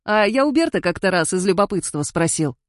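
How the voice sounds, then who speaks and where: A woman's voice: mid-range voice, sing-song, a little fast, no room sound, studio quality, natural voice. A woman voicing a clever young male investigator who reasons aloud with a teasing edge. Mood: wry.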